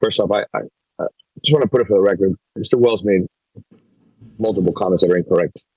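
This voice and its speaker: A man phoning into a meeting speaks fast and a little low, pressing his point and repeating himself. The phone line garbles his words as the stream quality drops. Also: darkish tone, slightly rough. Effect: garbled, breaking-up phone line. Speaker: city commissioner joining by phone. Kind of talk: heated public meeting remarks.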